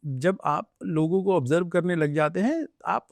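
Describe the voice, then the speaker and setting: A man hosts the interview with a noticeably high voice and dry, close sound. He asks his questions earnestly and switches between Hindi and English. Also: moderate pace, gravelly, no room sound. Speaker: host.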